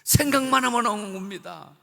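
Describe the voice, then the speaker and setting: Man, pastor, revival sermon, bright voice, long hall reverb. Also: very high voice, brisk, gravelly. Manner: emphatic, repetitive, asks congregation questions. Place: church sanctuary. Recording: reverberant church sanctuary.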